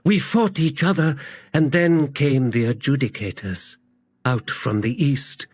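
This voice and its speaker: A man's voice: medium pitch, a little slow, a little mellow, no room sound, voice pushed up, lightly acted. A man voicing a bitter, guilt-haunted woman warrior, grave and heavy, in an audiobook.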